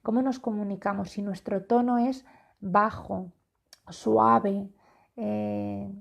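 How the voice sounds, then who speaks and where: Slow, gravelly-voiced woman parenting coach. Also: mid-range voice, fairly even intonation. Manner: slow, deliberate, demonstrates tones by acting out phrases. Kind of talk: live-streamed talk to viewers. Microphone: phone or webcam live stream.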